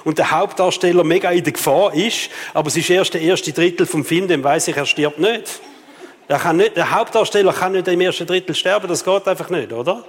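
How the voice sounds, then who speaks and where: A man with a Swiss German accent delivers a sermon to a congregation, lively and rhetorical, turning to them again and again with questions. His voice sits a little high. A long hall reverb trails behind every phrase. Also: brisk. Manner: lively, rhetorical, keeps asking the audience "oder?". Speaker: preacher.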